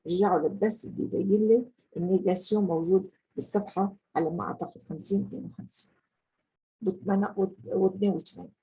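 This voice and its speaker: A woman teaching a French grammar lesson. She explains in casual dialect, with hesitations, and reads the French examples slowly and carefully. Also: medium pitch, fairly even intonation, mellow, slightly rough, low-quality recording. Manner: frequent hesitations and restarts.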